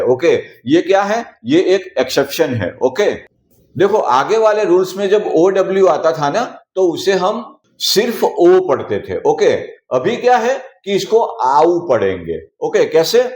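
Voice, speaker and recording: Lively male teacher, echoey room. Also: fairly high pitch. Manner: repeats example words slowly, asks and answers his own questions. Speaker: English teacher. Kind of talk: explaining pronunciation rules.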